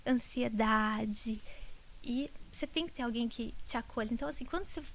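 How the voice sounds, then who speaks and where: A woman's voice: on the high side, normal speed, slight background noise. A middle-aged woman, a doctor, telling emotional stories in a podcast interview, her voice sometimes dropping to a whisper. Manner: emotional, animated storytelling that drops to a whisper. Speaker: doctor treating multiple sclerosis patients.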